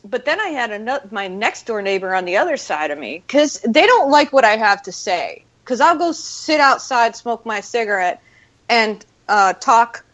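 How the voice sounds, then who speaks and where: A middle-aged woman with a loud, projecting delivery, swearing freely as she tells her story. Her pitch sits a bit high and bounces around a lot. The audio is muffled and lo-fi. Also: very animated, moderate pace. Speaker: show co-host. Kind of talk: casual chat.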